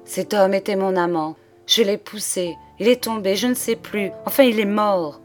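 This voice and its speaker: A woman voicing a proud, desperate young woman in a storybook reading, speaking hushed and strained. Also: fairly low pitch, level tone, measured pace, faint music behind, lightly acted. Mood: strained pleading. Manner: hushed then sharp and strained.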